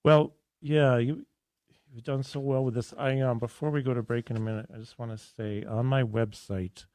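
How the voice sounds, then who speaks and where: A man hosting a health radio show in a studio, talking in a casual, enthusiastic and rambling way with a hoarse, raspy voice. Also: mid-range voice, fairly even intonation, normal speed, a little mellow, no echo.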